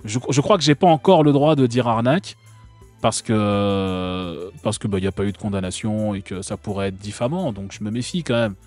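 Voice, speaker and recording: A man's voice: lowish voice, normal speed, darkish tone, faint music behind. A man from France hosting a live stream, talking casually and sarcastically with many fillers and restarts.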